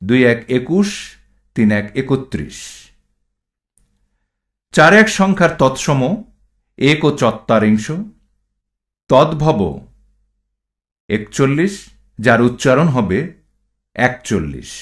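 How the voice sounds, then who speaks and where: Male pronunciation instructor, mid-pitched, deliberate and very slow, reciting rules and example words. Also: lively intonation. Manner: measured, reads rules and word lists one item at a time. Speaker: pronunciation teacher.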